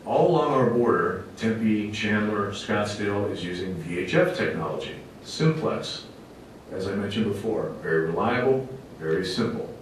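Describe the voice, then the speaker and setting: In a large, echoey indoor meeting room, a man speaking as a fire officer presents to a committee in an emphatic, plainspoken, folksy way, his intonation lively and his speed normal. The distant mic picks up heavy room echo and a faint rumbling noise.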